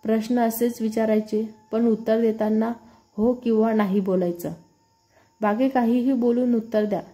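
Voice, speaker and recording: A woman voicing a brisk young woman who runs a party game and turns a little defensive, in a read-aloud storybook. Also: fairly high pitch, steady tone, warm tone, close to an everyday voice.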